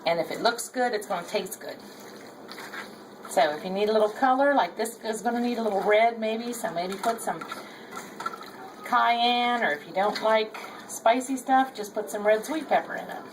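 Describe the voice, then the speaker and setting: A woman's voice: fairly high pitch, normal speed. An older woman with a Southern accent, chatting folksily through a home cooking demonstration in her kitchen, filmed by her son. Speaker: cooking show host. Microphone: camera held by her son. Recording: echoey room, distant camera mic, background noise.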